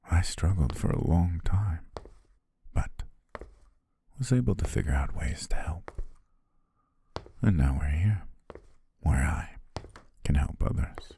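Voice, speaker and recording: In an ASMR roleplay, a man voices a courteous yet devious hypnotist welcoming a client, fully in character. He speaks in a soothing, gently reassuring whisper that is breathy, dark, very low, and gravelly, with genteel, deliberate pauses.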